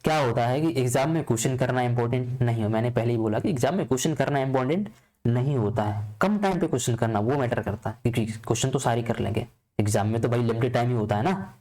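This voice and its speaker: Steady, low-key male tutor. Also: fast. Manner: asks and answers his own questions in a steady, repetitive way. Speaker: teacher. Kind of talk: exam-prep lesson explaining a reasoning puzzle.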